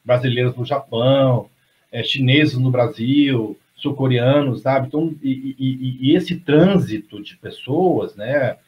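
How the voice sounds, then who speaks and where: This middle-aged Brazilian novelist, a guest on a video call, speaks at a medium pitch and a little slowly. He rambles through a casual discussion with many restarts and tag questions, picked up by a webcam in slightly dull lo-fi sound.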